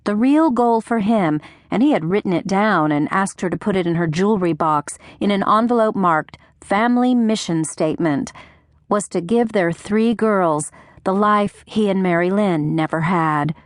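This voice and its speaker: A woman reading a novel aloud as an audiobook narrator, in a gentle storytelling manner with wry asides. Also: mid-range voice, moderate pace, dry recording, studio quality.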